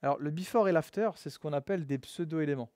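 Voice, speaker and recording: A man's voice: on the high side, quick pace, dry recording. A man teaching web development in a casual, slangy live classroom lesson, speaking directly to his students. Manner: relaxed and slangy, addresses students as "les gars".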